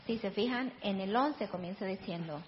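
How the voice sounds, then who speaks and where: A woman calmly explaining a scripture verse during a sermon. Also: medium pitch, normal speed. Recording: distant, reverberant, lo-fi with faint noise.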